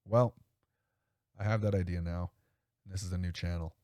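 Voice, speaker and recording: Male podcast host with a low, mellow voice, dry sound; rambles and corrects himself, upbeat. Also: fairly even intonation, moderate pace, no echo. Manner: rambling, self-correcting, enthusiastic. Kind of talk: casual solo podcast talk.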